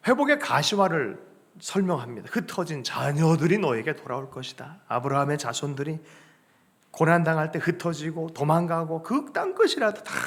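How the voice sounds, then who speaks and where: Lively, animated Korean pastor preaching. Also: male voice, a little high. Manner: animated preaching, acts out quoted lines, rises to loud emphatic peaks; chuckles and calls on the congregation to respond. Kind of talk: Sunday sermon. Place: church sanctuary with congregation.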